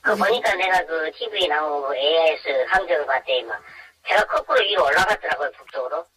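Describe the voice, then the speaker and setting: An anonymous caller whose voice is electronically disguised for protection, talking bluntly in a phone-in interview. The altered voice sounds bright and cutting. He presses his points with rhetorical questions. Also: mid-range voice, fairly quick, rough recording. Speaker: anonymous caller, former maritime safety worker.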